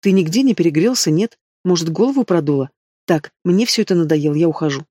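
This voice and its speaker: A defiant young fire-mage woman, as a male narrator puts her on, firing off indignant, sharp retorts in a fantasy audiobook. The voice sits a little high, and the recording is close and dry. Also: quick pace, dry recording, lightly acted. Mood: scornful.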